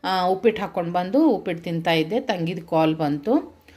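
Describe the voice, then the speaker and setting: Talking straight to her viewers in a casual vlog, a middle-aged home food seller with a North Karnataka Kannada accent recounts what happened earnestly and from the heart. Her lowish, slightly mellow voice is animated and moves at a moderate pace.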